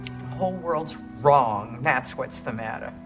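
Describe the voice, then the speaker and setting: A woman's voice: extremely low pitch, a little slow, music in the background. An indignant mother. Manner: earnest and indignant. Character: troubled middle-aged mother of the bride. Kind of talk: 1940s film acting.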